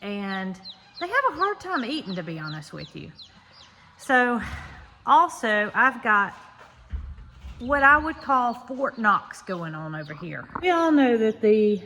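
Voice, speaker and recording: This woman's voice is mid-range with a fairly bright tone. She's filming a relaxed, folksy farm vlog and addresses her audience directly inside a barn that echoes, where birds and other background sounds are easy to hear.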